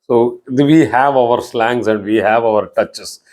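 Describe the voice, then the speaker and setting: Speaking slowly in a medium-pitched, somewhat dark voice, a middle-aged astrology teacher with a South Indian English accent gives a recorded online lesson. He explains as he goes, repeats words, restarts phrases and keeps saying "you know."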